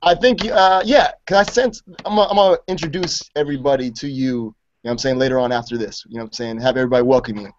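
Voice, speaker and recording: Relaxed joking radio host, man. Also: mid-range voice, very fast, few pauses, slight background noise. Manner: relaxed, joking, says "you know what I'm saying" constantly. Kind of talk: casual radio interview. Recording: dull lo-fi radio recording.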